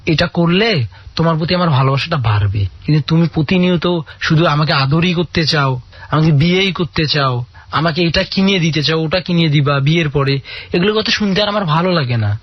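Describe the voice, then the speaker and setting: A man's voice: a little high, brisk, breathy edge. A man calling in to a radio show, earnestly telling a long personal story full of quoted dialogue. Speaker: caller. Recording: dull lo-fi radio audio.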